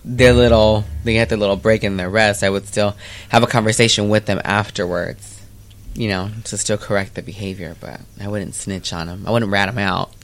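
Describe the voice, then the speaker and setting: A man co-hosting a podcast, talking in a measured, matter-of-fact way in casual chat. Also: lowish voice, fairly even intonation. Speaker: podcast co-host.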